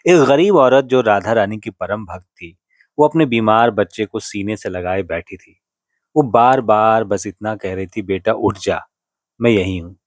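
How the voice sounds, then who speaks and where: A man's voice: fairly low pitch, unhurried, no echo. A man narrating a devotional story in an earnest, dramatic way.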